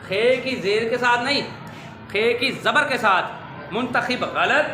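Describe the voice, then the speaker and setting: A man teaching pronunciation to children, slowly repeating wrong and correct forms. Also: extremely high pitch, background noise. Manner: slow, drills correct and wrong forms, addresses dear children. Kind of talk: classroom pronunciation lesson. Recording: echoey room with faint ambience.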